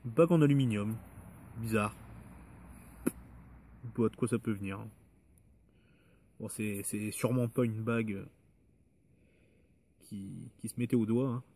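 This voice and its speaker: A man talks through a table of metal detecting finds in a casual, unhurried vlog. His voice sits a little low and he hesitates often, filling gaps with short sounds and trailing asides. A faint hiss runs under the home recording. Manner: relaxed, hesitant, many fillers and trailing asides. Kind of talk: casual show-and-tell of finds.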